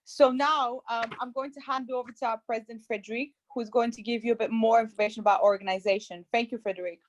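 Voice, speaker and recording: A woman from Bulgaria opening an online webinar as its co-founder and host, speaking in a measured way with frequent pauses and ums over a video call. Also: fairly high pitch, fairly even intonation.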